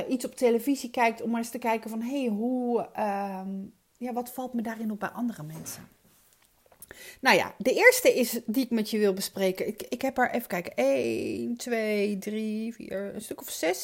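A woman coach, talking through ideas in a casual, thoughtful way with many pauses and restarts. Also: fairly high pitch. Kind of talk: casual spoken coaching talk.

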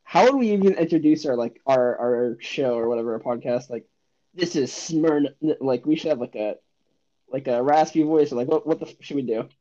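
A man's voice: mid-range voice, a little fast, mellow. A young man co-hosting a casual home podcast, rambling and swearing freely. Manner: rambling, swears often, playful. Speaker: podcast co-host. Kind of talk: casual chat. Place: bedroom at home. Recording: dull lo-fi home recording.

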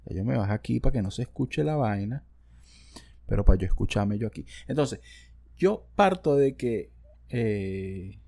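A man's voice: on the low side, expressive, a little slow, gravelly, warm tone. A man with a Venezuelan accent, hosting a casual solo podcast into a studio microphone, rambling and slangy with self-joking asides. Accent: Venezuelan Spanish. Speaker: podcast host.

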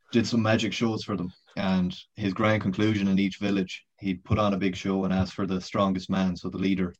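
Man, deep low voice, podcast guest, rambling casual storytelling, swears, muffled lo-fi sound. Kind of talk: casual chat. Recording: dull lo-fi podcast audio.

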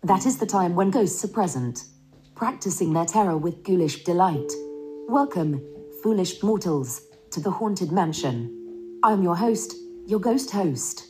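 Woman playing a ghostly mansion host, low-pitched, mellow, slow theatrical menace, ominously polite, haunted attraction narration, faint music behind. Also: lively intonation, rough recording.

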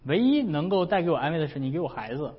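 A man putting on a grumbling, exasperated old man, childless and blunt, pitched a bit high. The voice sounds dull, with a long hall reverb trailing after it. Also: big pitch swings, quick pace, breathy edge. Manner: grumbling, colloquial.

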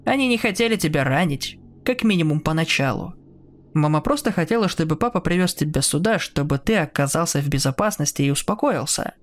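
A man's voice: fairly high pitch, lively intonation, brisk, soft background music, natural voice. A man voicing a cold, taunting adult brother who mocks his sibling in a horror story reading. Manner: mocking and sneering.

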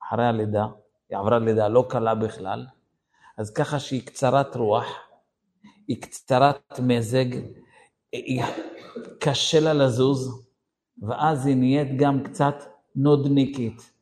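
A rabbi teaching a lesson to a live audience, telling a story and acting out scenes in different voices. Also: male voice, medium pitch, steady tone, pauses often, darkish tone.

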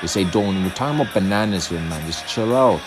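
A man casually rambling through a reaction video, with frequent restarts and sudden loud bursts. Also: sits low, expressive, fairly quick. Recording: music playing loudly under the voice.

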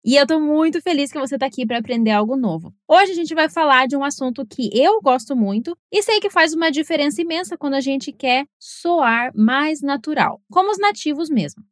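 Bright-voiced woman teaching English. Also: high-pitched, brisk, hardly any pauses, no echo, clean studio sound. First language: Portuguese. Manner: lively, encouraging teaching tone. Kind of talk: scripted lesson narration.

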